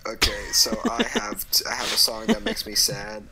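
A man's voice: high-pitched, big pitch swings, moderate pace, vocal fry, over a noisy crowd. A young man co-hosting a podcast over a voice call, blunt and dry, teasing the others. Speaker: podcast co-host. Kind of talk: casual chat.

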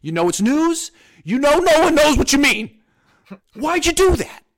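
A man's voice: extremely high pitch, sing-song, moderate pace. A man in his thirties co-hosting a casual sports talk show, emphatic and wry, often slipping into mock quotes. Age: 30s. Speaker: podcast co-host.

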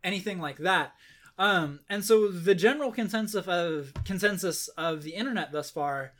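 A man's voice: high-pitched, moderate pace, a bit bright. A man co-hosting a casual gaming podcast, rambling with frequent fillers. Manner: rambling, frequent "um", laughs easily. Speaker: podcast co-host. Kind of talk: casual chat.

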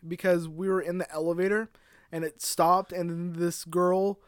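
A young man hosting a podcast, chatting casually in a rambling, joking way and sometimes getting loud. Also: sits high, little pitch movement, moderate pace, smooth, no echo, studio quality. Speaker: podcast host. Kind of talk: casual chat.

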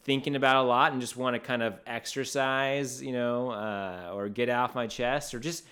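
A man's voice: mid-range voice, steady tone, normal speed, a bit bright, clean tone. Casual man swearing loosely on a podcast. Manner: loose and profane, many fillers. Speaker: podcast host. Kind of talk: casual chat.

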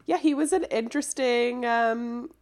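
A woman's voice: a little high, a little slow, darkish tone. A woman podcast co-host with a nasal, stuffed-up voice from a cold, chatting in an informal, slangy way about pop culture. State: congested with a cold. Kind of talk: casual pop culture chat.

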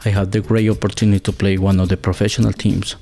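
Gravelly low-voiced Ecuadorian man. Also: flat delivery, dark tone. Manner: halting, searching for words, second-language English. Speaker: guest, builder and former chef. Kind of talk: conversational interview.

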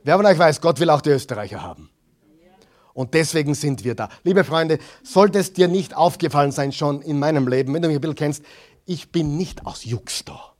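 High-voiced pastor preaching. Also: male voice, expressive, fairly quick. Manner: asks the audience questions and answers them himself; swings between loud stressed phrases and quiet asides. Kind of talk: sermon.

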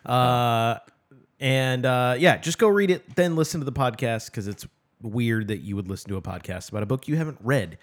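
A man chatting on a casual book podcast, his voice sitting at an ordinary middle pitch. He rambles loosely, with plenty of fillers and restarts along the way. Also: normal speed. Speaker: podcast co-host.

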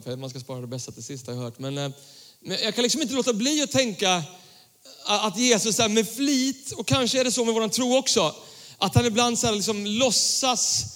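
A young male pastor preaching a casual sermon, reading scripture and talking in a relaxed, slangy way to his congregation. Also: high-pitched. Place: church hall. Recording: church hall with long reverb.

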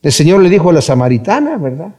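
Male pastor, high voice, animated sermon delivery with acted-out quotes. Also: quick pace.

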